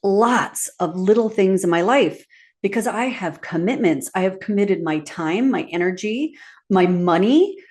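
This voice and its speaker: A woman's voice: medium pitch, lively intonation, a little slow, a little mellow. A woman hosting a podcast who tells a personal story and laughs as she acts out her own quotes. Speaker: podcast host.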